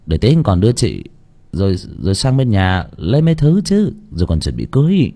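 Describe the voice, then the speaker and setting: A man's voice: on the low side, wildly swooping pitch, brisk, mellow, heavily acted. A man voicing a trusting young village groom, talking plainly with a scolding edge. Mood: puzzled.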